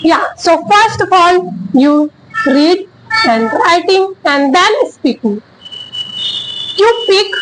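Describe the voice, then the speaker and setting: This woman has an extremely high pitch and an Indian accent, and her first language is Chhattisgarhi. She talks casually to camera about learning English, haltingly and in simple, encouraging sentences while groping for words, and the poor audio has slight background noise.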